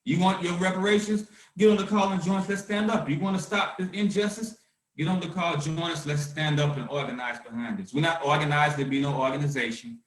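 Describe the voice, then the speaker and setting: A fiery man hosts a call, his fairly high voice rising to shouts and dropping to a hush. The sound carries a roomy echo around him. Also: brisk, far from the mic. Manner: fiery, swinging from shouting to hushed calm. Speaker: host of a conference call. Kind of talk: impassioned activist talk.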